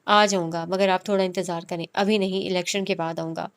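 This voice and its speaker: A woman's voice: fairly low pitch, steady tone, clear, resonant tone, natural voice. A woman voicing a grown son who apologises and soothes his mother over the phone, in an audiobook reading. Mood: placating. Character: young man, son, guilty and placating.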